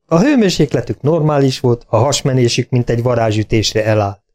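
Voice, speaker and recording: Man reading an audiobook, calm and even. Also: mid-range voice. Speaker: audiobook narrator. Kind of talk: scripted audiobook narration.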